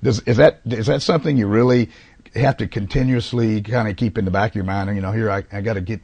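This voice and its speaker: A male TV talk show host, hoarse from allergies, interviewing a guest in a halting way with many fillers and restarts. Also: fairly low pitch, fairly even intonation, darkish tone, no room sound, highs cut off. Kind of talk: casual interview.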